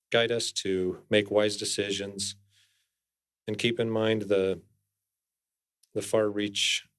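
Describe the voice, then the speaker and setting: A city council member, a man, offers a solemn formal prayer into a podium microphone in a council chamber. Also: on the low side. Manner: solemn, measured, reverent wording.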